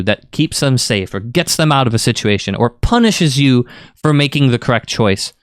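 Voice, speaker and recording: A man talks through fighting-game strategy in a relaxed, rambling coaching style, now and then pushing a point hard. His voice is smooth and resonant, at an ordinary middle pitch. The recording is close and dry, with no room sound. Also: no room sound. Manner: conversational, rambling, lively emphasis. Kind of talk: casual explanatory commentary.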